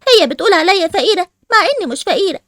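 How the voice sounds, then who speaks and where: A hurt, whiny young Egyptian girl with a very high voice, as a woman plays her. She talks very fast, and the recording is close and dry. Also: lively intonation, a bit bright, no room sound. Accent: Egyptian Arabic.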